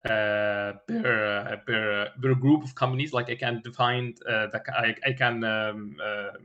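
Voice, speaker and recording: A man explaining a technical design as an interview candidate, haltingly, searching for words with many filled pauses and repeated starts. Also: lowish voice, fairly even intonation, bright, forceful tone, lo-fi sound. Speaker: engineering candidate in a mock system design interview. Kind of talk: thinking aloud through a technical design explanation.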